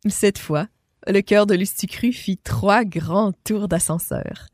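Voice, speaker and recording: A woman reading a children's story aloud as a storyteller, expressive and speaking to a child listener. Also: mid-range voice, slow, dry recording, clean studio sound.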